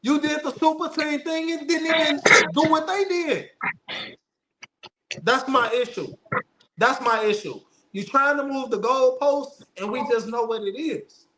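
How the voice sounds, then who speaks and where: A man's voice: extremely high pitch, unhurried, background noise. A man hosting a casual basketball debate show, giving opinions emphatically and insistently, repeating phrases for stress. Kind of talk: opinionated casual sports talk.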